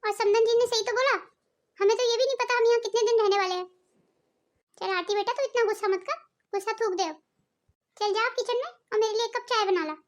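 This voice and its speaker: A gentle, humble older mother-in-law in a cartoon family drama, voiced by a woman. Her voice is very high. She speaks softly and reassuringly. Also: brisk, pauses often. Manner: soft, reassuring. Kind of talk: cartoon voice acting.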